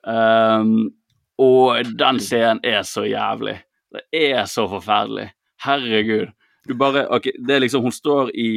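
A man co-hosting a podcast, retelling a film in a lively, casual way, acting out quotes and swearing freely. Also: fairly low pitch, gravelly, no echo, studio quality. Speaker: podcast co-host.

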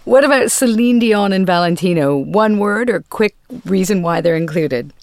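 A woman's voice: medium pitch, expressive, normal speed. A woman hosting an arts interview, putting questions and introductions to her guest.

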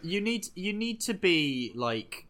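A man's voice: sits high, sing-song, takes it slowly, fairly bright tone. Guy hosting a chill podcast, laughs a lot, voice bounces all over, swears now and then. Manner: laughs often, swears casually, restarts sentences. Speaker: podcast host reading listener questions. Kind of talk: casual chat.

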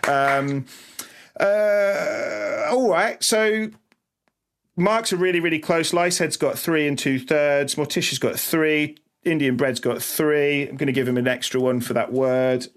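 A man's voice: fairly high pitch, measured pace. Hesitant male podcast host. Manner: hesitant, lots of ums, gently upbeat. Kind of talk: casual podcast chat.

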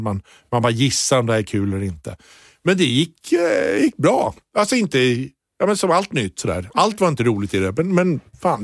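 A man co-hosting a casual podcast, a stand-up comedian telling stories animatedly, his voice jumping up high when excited. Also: dry recording, clean studio sound.

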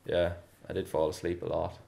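A man's voice: sits low, little pitch movement, a little fast, gravelly, mellow. A man co-hosting a podcast, chatting casually in a rambling, jokey way with lots of fillers. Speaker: podcast co-host, road racer.

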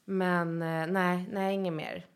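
Pregnant woman on a podcast, lowish voice, quick reactions, frank and playful. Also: steady tone, clean tone. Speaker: podcast co-host. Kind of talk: casual chat.

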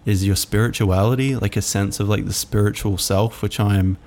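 A man hosting a reflective solo podcast, musing aloud in a halting way with many fillers. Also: lowish voice, fairly even intonation, darkish tone. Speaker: podcast host.

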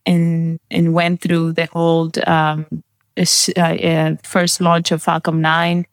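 An interview guest from Peru talks with open enthusiasm, often restarting sentences and leaning on fillers. The voice sits at a middling pitch, and the sound is dry with little room echo. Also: monotone, slow. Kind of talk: casual interview.

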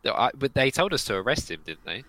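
A man's voice: mid-range voice, big pitch swings, fast, fairly bright tone, dry recording, low-quality recording. A man taking part in a tabletop role-playing game, thinking aloud about his character's choices with many restarts. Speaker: player.

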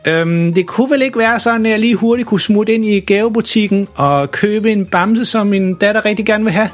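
A man's voice: on the high side, fairly bright tone, faint music behind, voice pushed up. An embarrassing, awkward dad fumbling through hesitant excuses, put on by a male storyteller. His voice is raised well above the storyteller's own. It is a children's audio story. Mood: sheepish. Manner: hesitant, stammering, sheepish.

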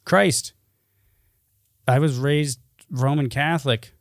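A man's voice: mid-range voice, slow, dry recording, studio quality. A young man co-hosting a podcast in casual chat, rambling and swearing with lots of fillers. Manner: rambling, profane, full of fillers. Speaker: podcast co-host.

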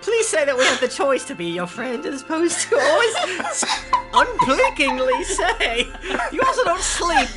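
A woman's voice: high-pitched, big pitch swings, measured pace, loud music behind the voice. A woman playing a tabletop role-playing game, improvising her character's actions casually.

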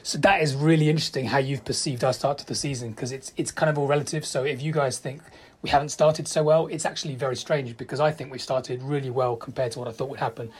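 Man, 30s, from Portugal, husky, rapid, rambling football fan guest. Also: medium pitch, steady tone. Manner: chatty, rambling fan opinions. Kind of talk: casual phone-in chat.

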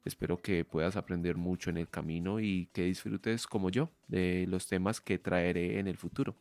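Man from Medellín, colombian accent, low voice, dry close sound, faint music behind, steady teaching tone. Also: dry recording. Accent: Colombian Spanish from Medellín. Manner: clear, measured teacher's delivery addressing the listener directly. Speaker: Spanish teacher and podcast host. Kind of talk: podcast monologue for language learners.

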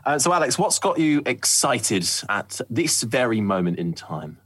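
A man's voice: mid-range voice, big pitch swings, unhurried, a bit bright, slight background noise. A man chatting casually as a podcast interviewer. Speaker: podcast host.

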